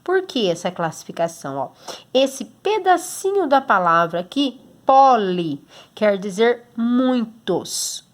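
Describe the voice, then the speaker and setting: Brazilian lady teacher explaining homework slowly, keeps checking the kids follow, voice jumps around a lot. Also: on the high side, very animated. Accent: Brazilian Portuguese. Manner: patient, explains step by step with many checks like "tá?". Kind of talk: recorded homework lesson for children.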